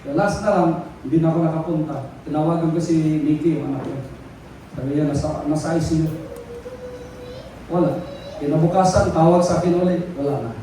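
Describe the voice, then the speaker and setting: A man's voice: a little high, fairly even intonation, fast talker, recorded from a distance, a little hiss or hum. Man preaching in a very echoey hall. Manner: storytelling with laughs and shouted calls. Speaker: pastor. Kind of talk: sermon.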